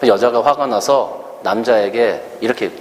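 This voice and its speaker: A middle-aged man preaching a sermon as a pastor, lively and humorous, acting out the lines he quotes. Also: fairly low pitch, measured pace, in a large hall.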